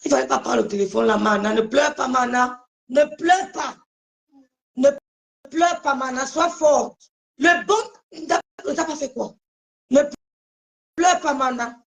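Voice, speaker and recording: A woman's voice: high-pitched, unhurried, creaky, pauses often, low-quality recording. A woman hosting a casual live stream, speaking emphatically to her viewers and often repeating her phrases.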